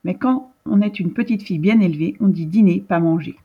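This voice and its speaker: A woman's voice: on the low side, brisk, husky, highs cut off. A woman voicing a stiff, curt male minister who speaks in a dry tone.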